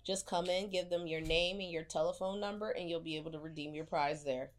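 A woman's voice: lowish voice, steady tone, a little fast. A woman working as a budtender who calls a raffle winner, playful and teasing, hyping her up. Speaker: dispensary budtender announcing a prize. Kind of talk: phone call announcing a raffle winner.

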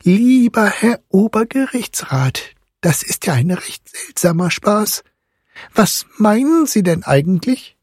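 A man voicing an earnest, gentle mother in a storybook reading. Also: sits high, big pitch swings, slow pace, slightly rough, dry recording, studio quality, voice pushed up, exaggerated voice. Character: concerned, serious mother.

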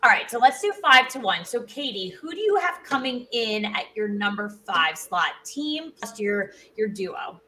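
A woman's voice: mid-range voice, sing-song, a little slow, few pauses, pushed and bright, a little hiss or hum, poor audio. A woman hosting a sports show, leading a ranked countdown in informal, emphatic conversation. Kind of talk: casual sports countdown chat, leading the rankings.

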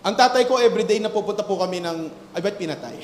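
A man's voice: sits high, quick pace. A pastor preaching a sermon, telling a story of his childhood and rising into emphatic preaching, mixing English into Tagalog. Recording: echoey hall with faint music.

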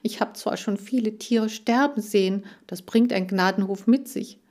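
A woman's voice: mid-range voice, moderate pace, a little mellow, voice pushed up, natural voice. A woman reading a children's audiobook, voicing an agitated, tearful girl who cares for farm animals. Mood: distressed. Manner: agitated, pleading, raised voice.

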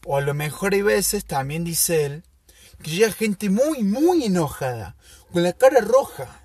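A man tells a story in a slow, thoughtful way, full of pauses. His voice is somewhat high and a little husky. The recording is dry and close. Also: sing-song, darkish tone, dry recording. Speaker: podcast host. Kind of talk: casual storytelling monologue.

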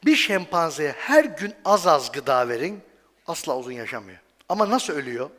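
Lively, joking man in an echoing hall. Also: a little high, normal speed. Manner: chatty and joking, asks the audience questions. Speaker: medical professor giving a talk. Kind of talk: conversational stage talk. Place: large hall on stage. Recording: reverberant hall.

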